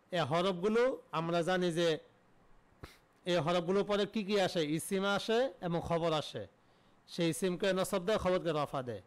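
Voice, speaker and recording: A man teaches Arabic grammar online in a high, clear, smooth voice. He poses each question, answers it himself, and repeats the key terms.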